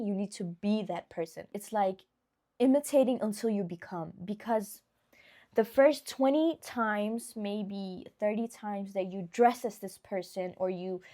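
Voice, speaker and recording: Young woman, self-help vlogger, earnest coaching tone, soft near-whispered affirmations, mellow warm voice. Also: a little high. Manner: earnest, coaching, speaks straight to the viewer. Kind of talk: motivational vlog talk.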